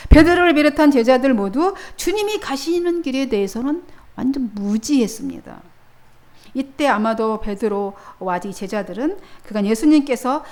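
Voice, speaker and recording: A woman's voice: fairly high pitch, darkish tone. A woman pastor preaching a sermon in a church, telling the story vividly with casual asides to the congregation.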